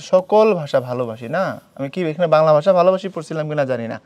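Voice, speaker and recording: A man's voice: a little high, dry recording. Man teaching an exam lesson. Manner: explanatory, checks in with listeners. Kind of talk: exam-prep lecture.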